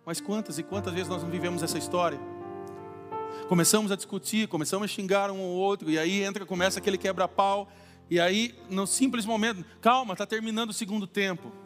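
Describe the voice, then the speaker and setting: High-voiced Brazilian pastor preaching. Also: male voice, steady tone, fairly quick. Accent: Brazilian Portuguese. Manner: conversational preaching with acted-out everyday quotes. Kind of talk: sermon. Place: church hall. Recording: reverberant church hall with faint music.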